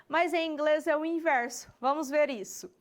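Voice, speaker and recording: A woman gives a recorded English lesson in a high voice. She speaks straight to the student, checks understanding with quick tags, and stretches out the English example questions slowly when she models them. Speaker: English teacher.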